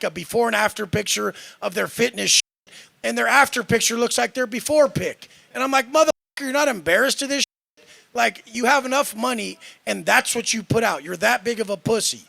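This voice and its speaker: A man's voice: sits high, gravelly, bright, forceful tone, dry recording. A man ranting in a brash, boastful way, profane and dismissive of others. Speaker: fitness influencer in a clip.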